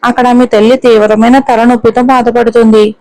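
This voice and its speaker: A woman narrating a story in a steady, even reading manner. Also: on the high side, brisk, no room sound, low-quality recording. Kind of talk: scripted narration.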